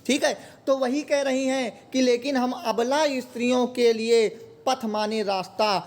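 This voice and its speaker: A man's voice: very high-pitched, steady tone, a little slow. A man explaining a poem line by line, asking his own questions and answering them. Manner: repeats words and asks questions then answers them himself. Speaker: Hindi teacher.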